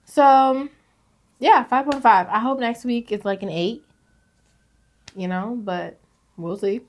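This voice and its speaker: A young woman co-hosting a casual podcast, reading confessions aloud, animated and slangy, laughing often. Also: fairly high pitch, slow pace. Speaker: podcast co-host.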